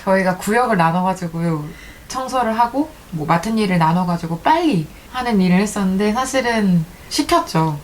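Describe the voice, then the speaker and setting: A woman's voice: medium pitch, animated, moderate pace. Young woman hosting, with noisy background. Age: young adult. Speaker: host, eldest of four sisters. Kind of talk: casual group chat. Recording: clear background noise.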